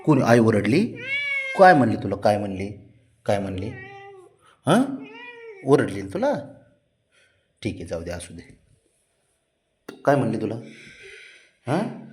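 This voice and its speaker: A man's voice: fairly low pitch, darkish tone. A man at home coaxing and teasing his pet cat in playful baby talk. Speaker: cat owner.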